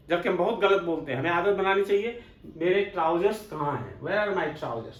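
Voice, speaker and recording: A man's voice: sits high, roomy sound. A man with an Indian English accent teaching English grammar as a classroom lecture, explaining step by step and asking and answering his own questions.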